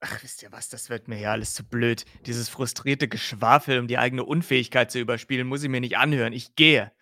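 Man reading a young male detective, hot-tempered, indignant, mid-pitched, dry sound. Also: fairly even intonation, fairly quick, sharp tone, no echo. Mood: angry. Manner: heated, indignant.

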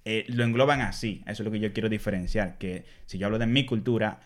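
A man's voice: fairly low pitch, quick pace. A man with a Dominican accent in a casual podcast discussion, talking animatedly and acting out other people's voices. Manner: animated, acts out quoted voices. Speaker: podcast co-host.

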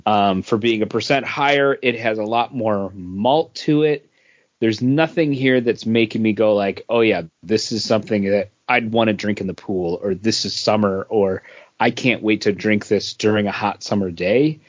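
This is a man with a fairly low voice and a moderate pace, co-hosting a podcast and chatting casually in a review style; he works at a beer store. There is no room sound, and the podcast audio is dull and lo-fi.

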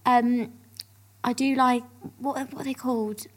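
A woman's voice: fairly high pitch, fairly even intonation, unhurried. A woman co-hosting a podcast, bantering playfully and laughing often in casual chat. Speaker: podcast co-host.

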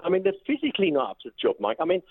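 An older man calling a phone-in, opinionated and emphatic, halting and repeating his phrases. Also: a little high, huge pitch swings, slightly rough. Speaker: radio phone-in caller, retired police officer. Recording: tinny phone line.

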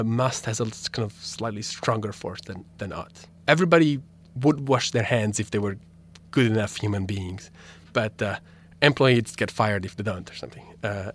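A young Italian man, a native speaker with an Italian accent, is a philosophy graduate student guesting on a radio interview. His voice is fairly low with a fairly bright tone. He explains his research thoughtfully, restarting often and using many fillers.

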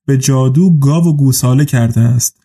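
A young village girl who knows sorcery, as a male narrator puts her on, telling a secret in a high, hushed voice. The voice keeps a deep, mellow, dark tone underneath. It sits inside a slow, old-fashioned storybook reading. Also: close to an everyday voice. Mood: confiding. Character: young shepherd's daughter, a knowing sorceress.

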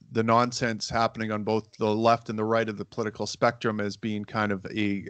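Low, flat-voiced male podcast host. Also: no echo. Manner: rambling, many restarts and fillers. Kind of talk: casual interview chat.

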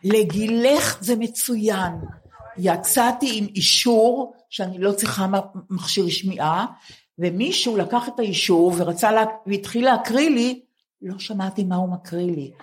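A woman in her seventies, co-hosting a podcast, tells stories in a wry, teasing way, recorded in front of a live audience of residents. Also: mid-range voice. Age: 70s. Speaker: podcast co-host. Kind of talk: comic storytelling chat.

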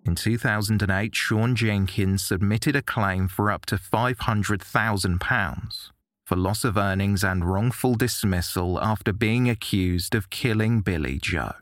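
A man giving measured, scripted narration for a true-crime documentary. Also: fairly low pitch, a bit bright, dry recording, studio quality.

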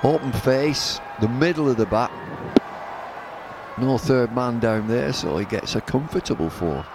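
Male cricket analyst, medium pitch, noisy background. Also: animated, unhurried. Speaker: cricket co-commentator. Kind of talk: unscripted analysis of play. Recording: clear outdoor ground noise.

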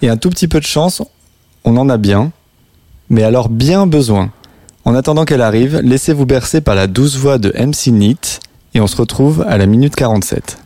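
Dry, mellow-voiced male co-host. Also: medium pitch, animated, moderate pace, dry recording. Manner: hesitant, many fillers, jokey asides. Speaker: co-host of a late-night music show. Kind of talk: casual radio chat, reading a written intro.

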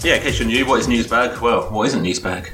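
A man's voice: medium pitch, fast talker, music in the background. A young man from Hertfordshire hosting a casual podcast chat, talking easily and laughing often. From Hertfordshire, England. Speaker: podcast host.

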